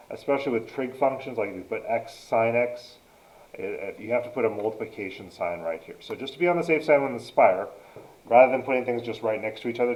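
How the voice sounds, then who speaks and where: A man's voice: medium pitch, darkish tone, roomy sound, lo-fi sound. A man teaching a math lesson, dictating each entry step by step as he narrates a calculator demonstration.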